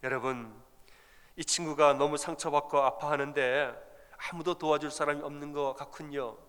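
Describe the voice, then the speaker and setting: A man voicing a soft, consoling church elder who asks a congregation for prayer. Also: a little high, fairly even intonation, moderate pace, clear, resonant tone, in a large hall, lightly acted. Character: gentle church elder comforting a youth.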